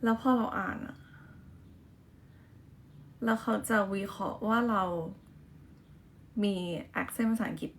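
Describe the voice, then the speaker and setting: Thai accented woman doing a casual phone livestream, super slow, a bit of vocal fry. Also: a little high, steady tone, a little hiss or hum. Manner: switches between chatty Thai and careful English. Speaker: livestream host.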